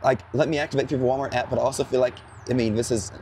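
A hoarse man whose voice is fading, talking quickly and loosely outdoors beside a charging station. He rambles and fills gaps with ums as he explains. There is faint noise around him. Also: medium pitch, fairly even intonation, mellow. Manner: chatty, rambling, full of fillers. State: hoarse, losing his voice. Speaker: co-host. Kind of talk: casual explanatory chat.

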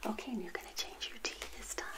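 An older woman whispers quickly in a breathy voice, playing a witch hostess in a gentle, playful ASMR roleplay aimed straight at the listener.

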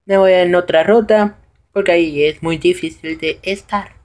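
A man giving casual live commentary over his own gameplay, excitable and prone to high shouts when things go wrong. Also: normal speed.

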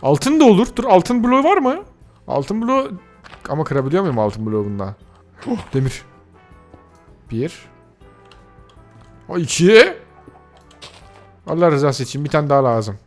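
A man giving excited let's-play commentary, gasping and exclaiming as he talks to his viewers and himself. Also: a little high, moderate pace, long pauses, faint music behind. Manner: excitable, gasps and shouts at surprises. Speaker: gaming youtuber.

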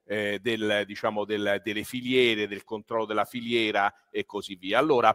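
A middle-aged man giving a presentation over a video call with a headset, speaking haltingly with many fillers. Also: on the low side, a bit bright, long reverb tail. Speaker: trade association vice director.

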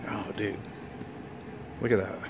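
A man's voice: on the low side, little pitch movement, slow, noisy background. A man in his fifties filming a casual vlog while walking through a record store, exclaiming with enthusiasm over the old gear. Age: 50s. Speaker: vlogger. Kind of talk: casual handheld shop tour vlog.

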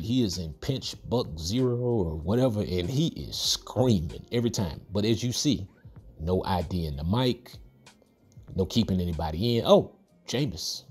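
Brief: male video game tutorial host, deep and a bit raspy, laid-back cocky trash talk, faint music underneath. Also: a little mellow. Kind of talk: casual gameplay commentary.

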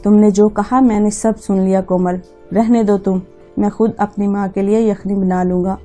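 A woman reading as a stern young son in a storybook tale, scolding hard to protect his mother. The voice stays mellow and dark even when it rebukes, with faint music behind it. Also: medium pitch, normal speed, natural voice. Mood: angry. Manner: angry and scolding.

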